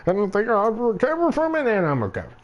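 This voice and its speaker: A man's voice: high-pitched, wildly swooping pitch, fast talker, dull audio. A man streaming a video game, giving casual, rambling commentary and joking around with silly robot noises.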